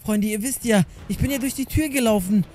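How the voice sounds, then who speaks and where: High-voiced man leading an urgent Minecraft role-play. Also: brisk, dark tone, a little hiss or hum. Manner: urgent, directing others. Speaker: YouTuber and narrator.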